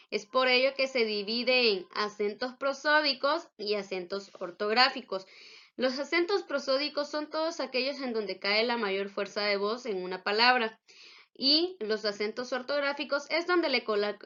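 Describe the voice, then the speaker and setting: Bright-voiced woman teaching grammar. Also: fairly high pitch. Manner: slow, carefully enunciated explanations. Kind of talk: spelling and grammar lesson. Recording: dull lo-fi recording.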